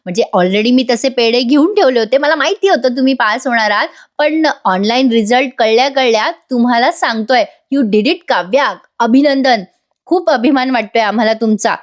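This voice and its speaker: Eager young husband, bursting with news, raised pitch, read by a woman. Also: normal speed, close to an everyday voice. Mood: excited. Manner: excited, eager. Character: excited young husband sharing good news.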